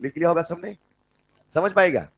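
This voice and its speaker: A man teaching chemistry in an online class, with an Indian accent when he switches to English, who dictates notes slowly and jokes with his students. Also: on the high side, expressive, a bit bright, muffled recording. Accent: Indian English mixed into Hindi.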